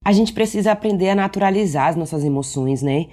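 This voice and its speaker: A woman's voice: on the low side, lively intonation. A woman giving an earnest, reflective talk to camera about feelings. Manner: earnest, reflective, unhurried with soft asides. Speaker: emotional wellness speaker.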